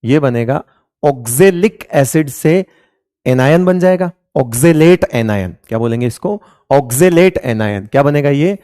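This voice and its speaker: A man's voice: medium pitch, lively intonation, a little slow, dark tone, no echo, studio quality. Hindi-speaking male chemistry teacher drilling a class. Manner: repeats questions to the class and answers them himself; addresses students fondly as beta and raja. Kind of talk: classroom lecture.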